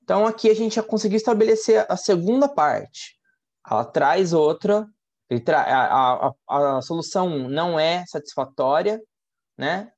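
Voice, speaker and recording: A Brazilian Portuguese-accented man teaching English test strategies in a chatty, explanatory live online lesson. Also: moderate pace. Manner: chatty, explanatory, frequent "né?" tags. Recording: muffled low-fidelity webinar audio.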